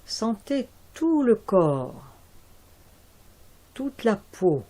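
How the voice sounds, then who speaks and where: This woman, whose voice sits on the high side, guides listeners through yoga nidra relaxation as an instructor. Her delivery stays calm and measured, marked by deliberate pauses.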